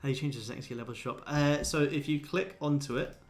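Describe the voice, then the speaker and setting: Speaking quickly in a slightly high voice, a day trader in his twenties answers viewers during a livestream. The conversation is casual, laid-back and blokey, with plenty of swearing.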